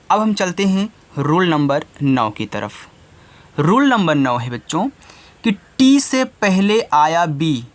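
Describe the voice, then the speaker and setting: Male teacher, slow deliberate delivery, repetitive question-and-answer drilling. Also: fairly high pitch. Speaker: English teacher. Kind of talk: slow classroom-style lesson.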